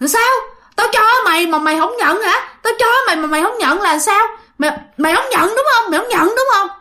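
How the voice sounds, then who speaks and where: A woman voicing a menacing ghostly old woman around sixty, shrill and taunting in a told ghost story. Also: expressive, a little fast, bright, forceful tone, full character voice. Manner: shrill, taunting, repeating herself.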